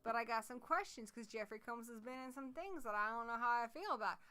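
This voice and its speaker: A woman's voice: on the high side, quick pace, bright, forceful tone. A woman co-hosting a horror livestream in casual chat, talking with enthusiasm and swearing freely.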